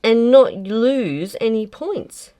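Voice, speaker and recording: A woman's voice: on the high side, expressive, slow pace, dark tone. A middle-aged woman, chatting casually and swearing playfully while she paints. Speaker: fluid art host.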